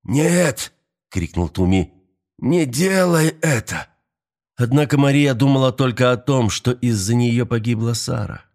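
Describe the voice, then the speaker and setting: A man's voice: medium pitch, vocal fry, darkish tone. Man narrating a tense audiobook. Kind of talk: scripted narration.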